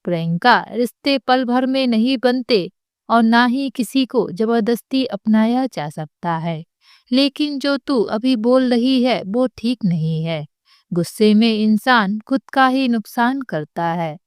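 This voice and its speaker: A woman voicing a frail, anxious elderly mother-in-law who speaks softly with a trembling voice. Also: on the high side, expressive, takes it slowly, clean tone, dry recording, clean studio sound. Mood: pleading, gentle. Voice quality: trembling, soft-spoken.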